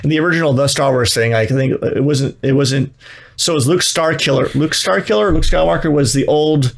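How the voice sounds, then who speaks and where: A man's voice: fairly high pitch, fairly quick, gravelly. A man hosting a casual movie podcast, talking in a rambling way with lots of fillers and restarts. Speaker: podcast host.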